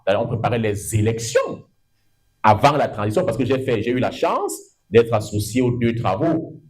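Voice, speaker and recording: In a lecture room, a middle-aged man with a Cameroonian French accent delivers a university law lecture. He's lively and digressive, his pitch leaping up for emphasis and his words drawn out.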